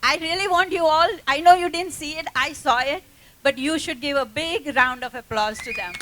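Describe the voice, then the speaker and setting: A woman's voice: high voice, drawn-out words, fairly bright tone, a little hiss or hum, poor audio. A woman speaking onstage through a mic, enthusiastically praising a cricket team and urging the crowd to applaud. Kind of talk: onstage announcement.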